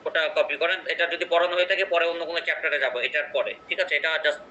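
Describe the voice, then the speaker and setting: A man's voice: a little high, fairly even intonation, very fast, pushed and bright, muffled recording, slight background noise. A man teaching an online English pronunciation class in a conversational way, often checking in with his students.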